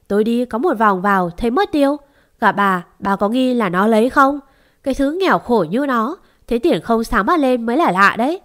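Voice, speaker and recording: Spiteful shrill young maid, voiced by a woman. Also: fairly bright tone.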